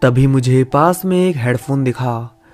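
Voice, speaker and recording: Male horror storyteller over soft music. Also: medium pitch, measured pace. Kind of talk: scripted first-person horror narration.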